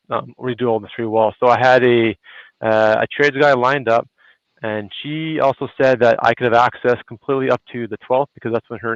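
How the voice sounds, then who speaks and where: A man with a Canadian accent hosting a live landlord chat on a video call, relaxed and chatty with many fillers. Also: mid-range voice, creaky, dry recording. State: a little out of breath. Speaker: host. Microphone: phone hotspot on a video call. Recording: dull lo-fi video call audio.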